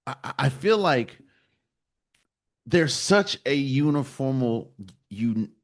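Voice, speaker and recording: A man from the United States hosting a solo sports podcast, giving his opinions in an emphatic, animated way. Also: medium pitch. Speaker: podcast host.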